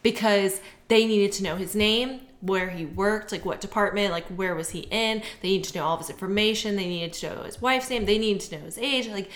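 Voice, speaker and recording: A woman telling a story on a casual podcast, mid-pitched and swearing freely. She acts out the people she quotes as she goes. The room around her is echoey. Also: a little fast, few pauses. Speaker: podcast co-host. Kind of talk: casual chat.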